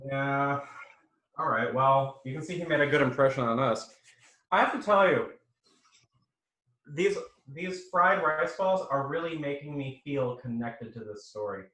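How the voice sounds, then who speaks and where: A man's voice: medium pitch, measured pace, a bit bright. A man co-hosting a comedy podcast, reading fan fiction aloud and making wry, casual asides. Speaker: podcast co-host. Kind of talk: comic reading and casual chat. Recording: echoey room, far from the mic.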